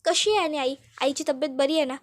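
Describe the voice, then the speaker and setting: A desperate young man pleads again and again for news of his family, as a woman reads his lines. The voice sits high and urgent. It is a plain storytelling voice, with no real attempt to sound male. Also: quick pace, lightly acted. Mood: pleading. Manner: urgent, repeated pleading questions.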